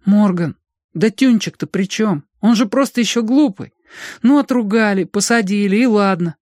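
A man voicing a frightened orphan boy who pleads with his gang leader in a raised, high voice. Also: moderate pace, a little mellow, no room sound, studio quality, lightly acted. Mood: pleading.

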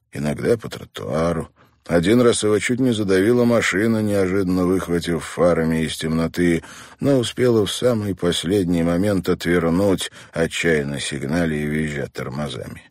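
A man narrating an audiobook in a measured, dramatic reading style. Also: sits low, a little mellow, no room sound, studio quality. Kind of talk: scripted narration.

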